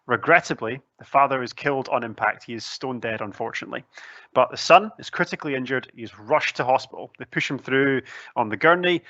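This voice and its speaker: Young male presenter, broad Scottish accent, conversational and articulate, bright tone, dry close headset sound. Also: mid-range voice, no echo, lo-fi sound. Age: young adult. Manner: chatty, articulate, lightly humorous. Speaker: student recruitment officer giving a presentation. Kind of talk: conversational pre-recorded presentation. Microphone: headset, seen on webcam.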